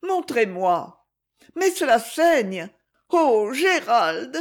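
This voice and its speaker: A woman's voice: on the high side, sing-song, voice pushed up. A woman reading the part of an eager, chatty young noblewoman who gushes and hurries her words. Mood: tender. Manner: gushing and hurried.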